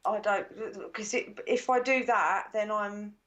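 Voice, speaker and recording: A woman's voice: mid-range voice, fairly even intonation, slow, a bit bright. A woman co-hosting a live chat show, chatty and indignant, with hesitant fillers. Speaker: co-host.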